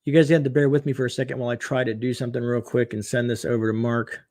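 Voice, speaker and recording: This late-night livestream host is a man with an ordinary mid pitch, rattling off loose, filler-heavy chatter at a rapid-fire clip and reading viewers' comments aloud. His tone stays level and a little mellow, though his voice is going slightly hoarse.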